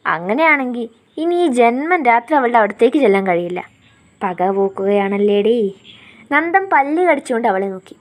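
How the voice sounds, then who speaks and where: A woman storyteller narrating a romance story in a calm, steady reading voice. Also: on the high side, fast talker.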